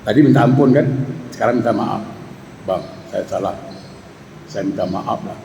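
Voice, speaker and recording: A man's voice: mid-range voice, a little fast, a little mellow, a little hiss or hum, close to an everyday voice. A man acting a pleading, apologetic wife. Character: contrite wife begging her husband's pardon. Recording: echoey mosque hall.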